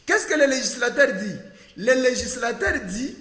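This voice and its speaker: With a very high, pushed and bright voice full of big pitch swings, a Congolese-accented man speaks at a moderate pace as a guest in a political debate interview. He is emphatic and didactic, asking rhetorical questions. The hall-like room gives a long, echoing reverb.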